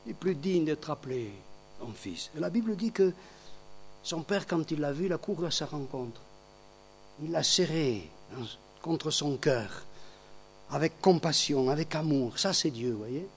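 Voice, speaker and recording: Emphatic high-voiced male preacher. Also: lively intonation, a little slow, a little hiss or hum. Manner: emphatic, swinging between soft asides and loud peaks. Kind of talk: sermon.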